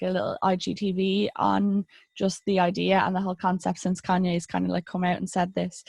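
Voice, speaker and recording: A woman's voice: fairly low pitch, vocal fry, dry recording. A young woman in her twenties co-hosting a podcast, talking casually and emphatically with lots of "like". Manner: chatty, emphatic, fond of "like". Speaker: podcast co-host. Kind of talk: casual chat.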